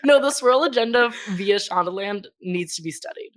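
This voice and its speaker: A woman co-hosting a podcast in casual chat, gushing and animated, laughing often. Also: mid-range voice, moderate pace. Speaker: podcast co-host.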